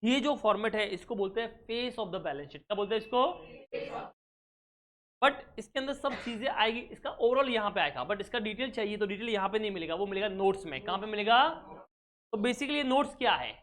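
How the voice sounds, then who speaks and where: A man's voice: high voice, animated, fairly quick, a bit bright. Guy teaching accounts, keeps going "what do we call this?", mixes in english words. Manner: keeps asking the class rhetorical check questions; mixes English terms into his explanation. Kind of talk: recorded exam-prep lecture.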